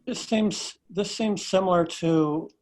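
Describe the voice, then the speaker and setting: A man's voice: high-pitched, slow, a little mellow. A man in a study group raising a point, restarting his phrases as he goes. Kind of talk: casual question in a discussion.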